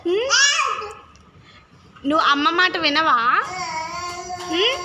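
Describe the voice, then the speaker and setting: A young woman, a mother, talking at home to her toddler twins in a coaxing, gently scolding way, asking sing-song questions. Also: extremely high pitch, lively intonation, slow pace. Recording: noisy home phone recording.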